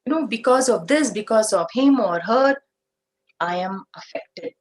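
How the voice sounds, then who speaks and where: A woman from India delivers a spiritual talk with an Indian English accent. She speaks very slowly and deliberately at a medium pitch. She explains each point with plain examples and keeps asking her listeners rhetorical questions. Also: poor audio. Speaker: spiritual teacher.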